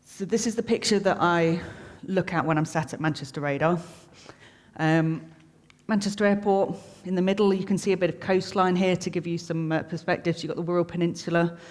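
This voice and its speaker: A middle-aged air traffic controller speaks at a brisk clip, medium-pitched and steady in tone. He gives a live, informal explanatory talk to an audience in a reverberant room, plain-spoken and chatty as he makes technical detail simple, with long echoing hall reverb on the recording.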